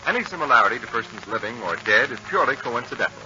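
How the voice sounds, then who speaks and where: Old-time radio announcer, animated man. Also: medium pitch, rapid-fire, slight background noise. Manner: formal, declamatory. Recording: muffled 1940s radio broadcast, music behind.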